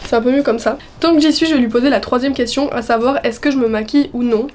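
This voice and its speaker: Talking quickly in a fairly high, slightly mellow voice, this vlogger in her twenties stays upbeat and filler-heavy despite a chest cold that has left her voice worn. She records casually at home and partly on a terrace, with a little background noise.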